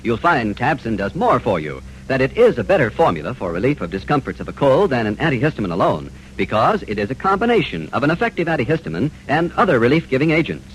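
A man's voice: mid-range voice, big pitch swings, fast talker, few pauses, a little hiss or hum, low-quality recording. A man announcing in the chipper, emphatic manner of a 1950s radio advertisement. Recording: old radio broadcast with music.

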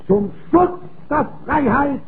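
A man giving an emphatic, declamatory political campaign speech in deliberate phrases, in the style of the 1930s. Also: very high-pitched, animated. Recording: tinny, noisy early 1930s recording.

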